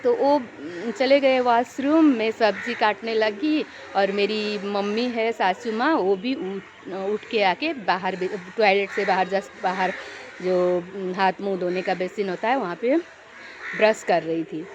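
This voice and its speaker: A woman's voice: mid-range voice, fairly even intonation, unhurried. A young woman telling a story in a casual vlog, rambling and repeating herself, growing tense as she recalls a scare. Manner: rambling, repeats and restarts phrases. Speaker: vlogger. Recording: dull lo-fi recording with loud background noise and crows.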